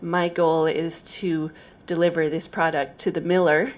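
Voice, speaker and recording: A woman's voice: low voice, flat delivery, a little slow, dull audio. A woman speaking as a presenter at a conference, explaining her thoughts step by step.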